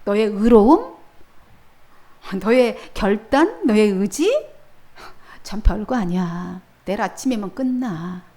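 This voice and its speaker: A woman's voice: medium pitch, normal speed, darkish tone, close to an everyday voice. A woman preacher voicing Jesus as a stern man who bluntly dismisses his disciple's boast. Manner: blunt, curt.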